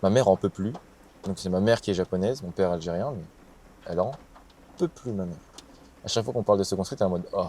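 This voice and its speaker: A young man with a low, mellow, dark-toned voice tells his vlog story casually and slangily. A faint hum of room ambience sits behind him. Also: quick pace, pauses often. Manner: relaxed, chatty, slangy storytelling. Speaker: travel vlogger.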